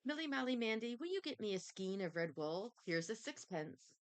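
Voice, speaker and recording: A woman reading a storybook voices a gentle old grandmother knitting in her armchair. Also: a little high, very animated, moderate pace, clean tone, no echo, pitched above the performer's own voice.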